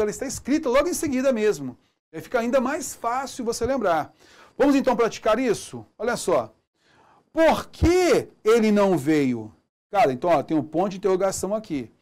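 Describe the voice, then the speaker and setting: A man's voice: high-pitched, darkish tone. A man with a Brazilian Portuguese accent teaching a grammar lesson in a casual, explanatory way. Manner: casual, explanatory, asks himself questions.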